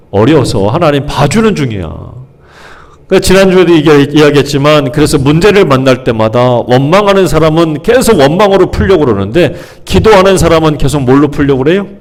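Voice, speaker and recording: A man preaching a sermon as pastor, who asks the congregation questions and answers them himself, and briefly acts out the grumbling people. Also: a little mellow. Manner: acts out the grumbling crowd with sudden pitch jumps. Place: church sanctuary.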